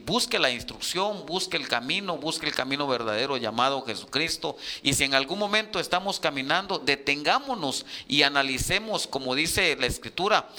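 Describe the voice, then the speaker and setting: A man hosting a religious program, earnestly urging his listeners and often pausing with fillers. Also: on the high side, bright, forceful tone. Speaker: radio program host. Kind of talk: exhortation to listeners.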